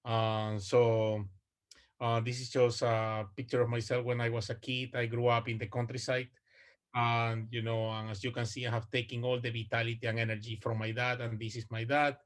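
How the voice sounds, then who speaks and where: Here a man in his forties gives an online research presentation on a video call, with a mid-range voice that barely moves in pitch and a normal speaking speed. Originally from Ecuador and a native Spanish speaker, he is hesitant, full of fillers, uhs and restarts.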